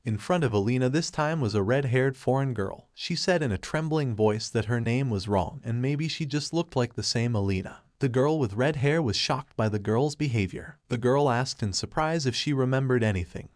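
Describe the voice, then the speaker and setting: A man reading a scripted story recap in a steady, even narrating voice. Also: medium pitch, normal speed, hardly any pauses, no echo, clean studio sound.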